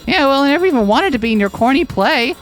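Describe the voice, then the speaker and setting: A woman's voice: high-pitched, lively intonation, fast talker, faint music behind. A woman voicing an anxious, sweary, sarcastic young heroine while reading a video game aloud. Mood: sarcastic, wary.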